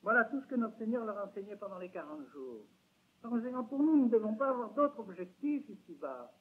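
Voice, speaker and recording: This older man's voice sits high, and he speaks briskly and very animatedly in an emphatic religious lecture, leaning on rhetorical questions and repetition. It comes from a thin, lo-fi lecture recording of the 1970s.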